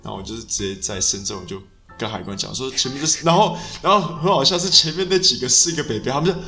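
A man hosts a relaxed podcast conversation in a bright, forward voice. He restarts his sentences often and drops English phrases into his talk. Faint music sits underneath. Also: mid-range voice, racing, vocal fry. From Taiwan. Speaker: podcast host. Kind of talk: casual podcast chat.

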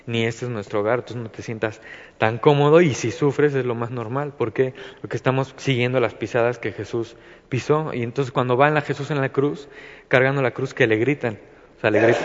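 Rambling Mexican man in a reverberant room. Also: mid-range voice. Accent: Mexican Spanish. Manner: rambling, many fillers and restarts. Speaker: Bible study speaker. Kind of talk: informal devotional talk. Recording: dull, reverberant recording.

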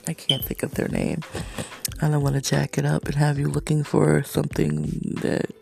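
Creaky-voiced woman musing on spirituality. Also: sits low, monotone, normal speed, background noise. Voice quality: creaky, gravelly. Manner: rambling, reflective, trailing off with fillers. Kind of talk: casual spiritual vlog monologue.

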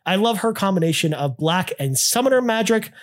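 A man's voice: high-pitched, lively intonation, a little fast. A man co-hosting a casual gaming podcast, reading out listener comments with lots of enthusiastic restarts. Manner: enthusiastic, many restarts and "I mean". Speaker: podcast co-host.

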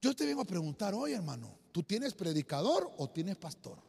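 Pastor guy preaching, very high voice, swings up and down a lot, big echoey hall. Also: sing-song, normal speed, vocal fry, darkish tone, slightly rough. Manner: emphatic, keeps calling listeners "hermano". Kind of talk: sermon. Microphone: streamed to listeners online. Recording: long hall reverb.

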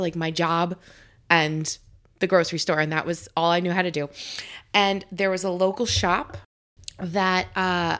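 A woman with a somewhat low-pitched voice hosts a relaxed conversation from her home kitchen. She rambles warmly through her stories, circling back with fillers and restarts as she goes. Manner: chatty storyteller with many fillers and restarts. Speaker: podcast host. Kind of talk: casual chat.

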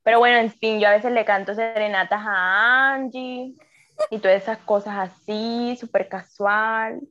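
A woman's voice: fairly high pitch, steady tone, unhurried, a bit bright, highs cut off. A young woman with a coastal Colombian Spanish accent chats casually as a podcast guest, rambling and exclaiming as she goes. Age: young adult.

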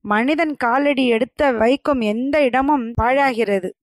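A woman voicing a frail old male hermit who speaks in a soft, feeble, dreamy voice in a told story. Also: high voice, takes it slowly, dry recording, studio quality. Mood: solemn.

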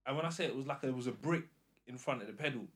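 A man with a London roadman accent, casually telling an animated story in slang and acting out the dialogue. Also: mid-range voice, very fast. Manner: slangy, acts out quoted dialogue.

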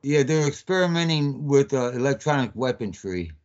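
A man calling in to a podcast, talking in a halting, rambling way with many fillers, over a phone line that keeps cutting out. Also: mid-range voice, expressive, darkish tone. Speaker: podcast guest on a phone call. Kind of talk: casual rambling account.

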